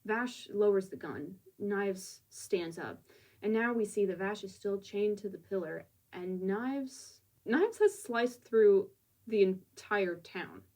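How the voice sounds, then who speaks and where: A woman's voice: mid-range voice, animated, slow, darkish tone, distant mic, low-quality recording. A woman reviewing a manga, recapping scenes in a reflective, musing way with casual asides.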